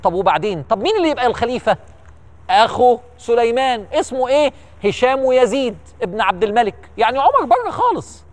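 A man with an Egyptian accent telling history as an animated, emphatic storyteller who repeats words for effect. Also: very high-pitched, fast talker. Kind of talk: lively storytelling lecture.

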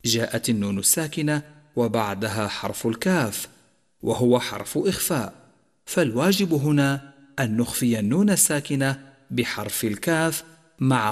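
Man teaching tajweed with reverb. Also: mid-range voice. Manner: recites verses slowly and melodically, explains rules in measured voice. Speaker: Quran recitation teacher. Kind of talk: tajweed lesson.

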